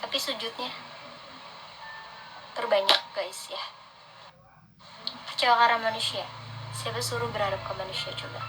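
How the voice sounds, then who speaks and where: A young adult woman with a soft r that slurs toward w, reading out motivational religious lines and commenting on them in an earnest, encouraging, casual way. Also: fairly high pitch, steady tone, normal speed, pauses often, background noise. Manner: slurred r sounds, close to w. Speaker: vlogger. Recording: instrumental music behind the voice. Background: instrumental music.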